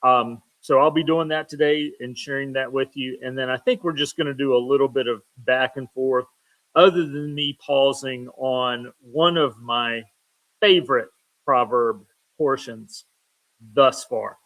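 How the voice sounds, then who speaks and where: Slow, unhurried man reading scripture. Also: medium pitch, rough recording. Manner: relaxed and self-deprecating, many filler ums. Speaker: pastor. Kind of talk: casual devotional Bible reading. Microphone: talking to camera for a video.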